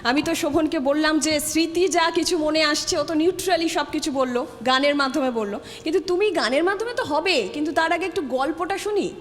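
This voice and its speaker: High-voiced woman host. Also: a little fast, few pauses. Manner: friendly, prompting guests. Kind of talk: hosting a festive talk show. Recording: reverberant studio with faint ambience.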